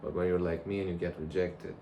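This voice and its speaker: Young man, very deep voice, creaky, reflective casual vlog monologue, noisy recording. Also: little pitch movement, a little fast, warm tone. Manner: reflective, loose, conversational. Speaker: vlogger. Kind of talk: casual rambling monologue to camera. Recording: clear background noise.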